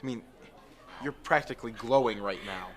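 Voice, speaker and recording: A man's voice: mid-range voice, moderate pace, close to an everyday voice, low-quality recording. An actor playing an awkward young man on a blind date who has huge, squealing sneeze fits. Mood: sly. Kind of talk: comedy sketch acting.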